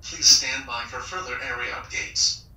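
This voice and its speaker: A man's voice: mid-range voice, level tone, unhurried. A man playing an urgent emergency broadcast announcer. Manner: formal, urgent official tone. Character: male official announcer, grave and urgent. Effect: emergency broadcast cutting into programming. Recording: echoey, distant broadcast with loud music.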